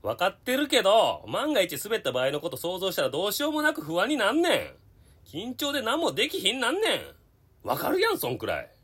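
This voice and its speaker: Fake Kansai accent, woman playing a timid middle-aged man, swinging pitch, hesitant, comedy radio sketch. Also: huge pitch swings, a little fast, a bit bright, heavily acted. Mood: grumbling, defensive. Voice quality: mumbling, hesitant, gruff when annoyed.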